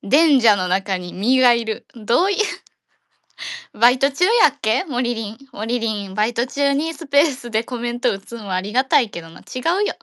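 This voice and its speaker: A woman's voice: fairly high pitch, lively intonation, fairly quick, a bit bright, no echo, clean studio sound. A woman with a Kansai accent hosting a casual audio chat room, joking around and rambling playfully. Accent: Kansai Japanese.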